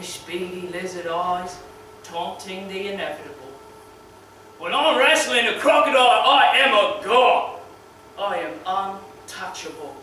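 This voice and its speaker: An actor playing a crude, cocky crocodile wrestler who loses his arm and grieves, talking in a foul-mouthed way that swings from swagger to shouted despair. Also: high-pitched, slight background noise. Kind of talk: dramatic monologue. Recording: very echoey room, mic far off, faint ambience.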